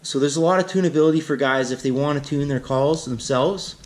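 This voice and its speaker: A man's voice: fairly high pitch, brisk. A man giving a casual, plain-spoken, unscripted hands-on tutorial as an instructor. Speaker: instructor in a how-to demonstration.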